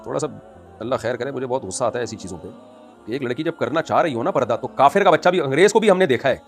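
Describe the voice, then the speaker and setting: A man as an Islamic scholar answering audience questions in an emphatic, scolding way that rises into forceful outbursts. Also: medium pitch, lively intonation, faint music behind. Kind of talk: religious question-and-answer talk.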